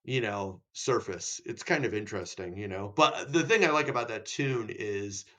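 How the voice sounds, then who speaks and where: A musician guest in casual chat, talking in rambling, searching sentences with many "you know"s. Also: male voice, fairly low pitch, normal speed, fairly bright tone.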